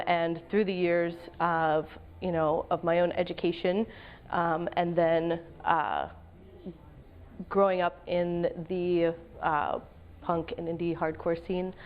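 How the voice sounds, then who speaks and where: An American woman giving informal interview answers in a halting, conversational, reflective way. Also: fairly low pitch, highs cut off. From Pennsylvania, United States. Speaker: professional photographer and project advisor.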